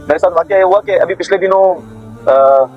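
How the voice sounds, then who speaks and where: A man, a guest on a talk show, calmly drawing a lesson from a personal story. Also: high voice, normal speed, dull audio, soft background music.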